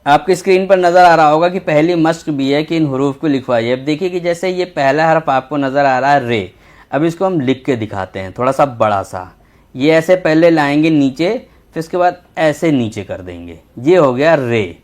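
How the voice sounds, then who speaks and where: A man's voice: a little high, expressive, a little mellow. Patient Urdu teacher, man. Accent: Indian Urdu. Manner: patient, slow, repeats letter names while writing. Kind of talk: textbook lesson for young children.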